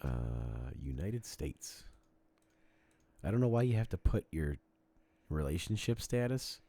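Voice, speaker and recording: A man with a very low voice talks on a casual podcast, swinging his pitch widely as he rambles. He swears freely and keeps jumping between stories. The sound is dry and close, with no room echo. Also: a little slow. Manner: profane, rambling, animated storytelling. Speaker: podcast co-host. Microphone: desk mic with cameras.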